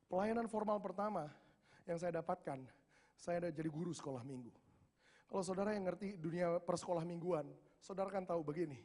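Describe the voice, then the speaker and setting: A male pastor, preaching a testimony sermon with casual slang, moving from soft prayerful lines to loud emphatic ones. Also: high-pitched. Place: church hall. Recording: long reverb of a large hall.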